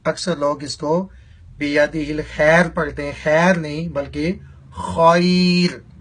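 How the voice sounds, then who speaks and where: A man teaching a recitation lesson, chanting verses slowly and drawn out, then explaining pronunciation briskly. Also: a little high, little pitch movement, a bit bright, breathy edge. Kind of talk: tajweed lesson with slow recitation.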